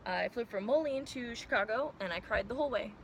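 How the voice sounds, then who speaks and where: A young woman from Iowa chats to camera about her life in an animated, laughing way, her voice sitting a little high. She acts out the people she quotes and swears casually. Faint ambience hums behind her. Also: fast talker, creaky, a little hiss or hum. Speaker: vlogger.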